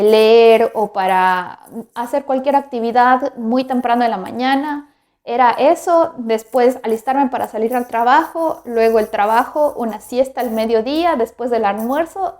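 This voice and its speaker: A woman in her twenties from Ecuador, hosting a podcast and telling her own story in a reflective, candid way. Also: on the high side. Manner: reflective and candid, warm direct address to listener. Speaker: podcast host. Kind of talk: personal storytelling monologue.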